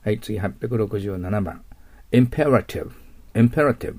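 A middle-aged man teaching English vocabulary in Japanese, explaining each word slowly and carefully, with Japanese-accented English and phrases that fade to a near-whisper. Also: lowish voice, fairly even intonation, mellow, slightly rough, dry recording. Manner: slow, careful word-by-word explanations with frequent "hai" and "ne". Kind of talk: recorded vocabulary lesson.

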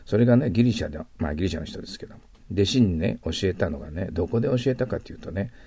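A man with a low, dark, slightly husky voice teaches vocabulary in a patient, explanatory way. He repeats each word slowly to model its pronunciation. The recording is close and dry. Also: expressive, no room sound. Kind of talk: recorded audio lecture.

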